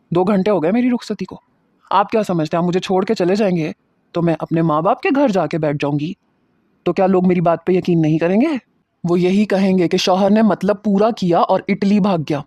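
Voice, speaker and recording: A man doing a furious sharp-tongued young bride. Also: sits high, dry recording. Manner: scolding, threatening.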